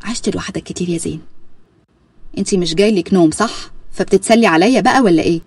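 A woman plays an older Egyptian mother who coaxes and pleads. The voice is warm and very husky, quick, close and dry. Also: on the low side. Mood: teasing. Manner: coaxing, pleading.

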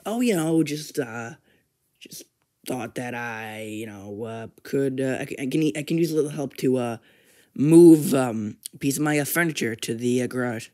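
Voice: mid-range voice, expressive, moderate pace, dark tone, close to an everyday voice. A fan voicing a stammering, cranky male scientist grandpa in a plush toy comedy skit, full of fillers and sly teasing. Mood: mischievous.

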